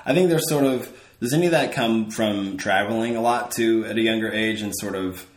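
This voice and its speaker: A man with a low voice and a neutral accent hosts a relaxed conversation, curious and chatty, often joking. He grew up in Arkansas, and his voice echoes around the room. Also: a little fast. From Southwest Arkansas, US. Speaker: podcast host. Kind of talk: casual interview conversation.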